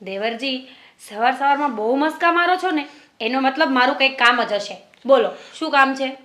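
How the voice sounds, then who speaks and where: A young woman acting a touchy, sharp-tongued sister-in-law who defends her fight with a neighbour, in a family drama. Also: sits high, moderate pace. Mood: teasing. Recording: roomy echo.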